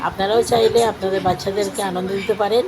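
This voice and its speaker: A woman's voice: mid-range voice, fairly even intonation, quick pace. A middle-aged woman narrates a casual family vlog, speaking simply and repetitively, straight to her viewers. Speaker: family vlogger. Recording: loud crowd and outdoor ride noise. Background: busy outdoor amusement park crowd and machinery noise.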